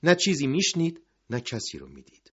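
A man narrating a dramatic story, dropping to hushed tones at the end of sentences. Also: medium pitch, huge pitch swings, slightly rough. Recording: dull lo-fi recording.

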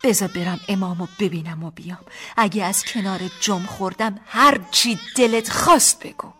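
A woman voicing a gentle young husband. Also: mid-range voice, a little hiss or hum, close to an everyday voice. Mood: coaxing. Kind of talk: audiobook character voice.

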